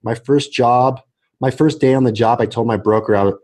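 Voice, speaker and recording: A middle-aged man, a real estate agent, talking casually as an interview guest, animated and full of quick restarts. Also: mid-range voice. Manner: animated storyteller, many restarts and "right?" tags.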